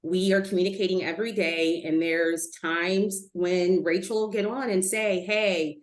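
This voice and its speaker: A middle-aged woman speaking as a webinar guest, a lively storyteller who acts out what others said, on a video call. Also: on the low side, a little slow. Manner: lively storyteller, animated quoting of others, laughs easily. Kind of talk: casual interview on a video call.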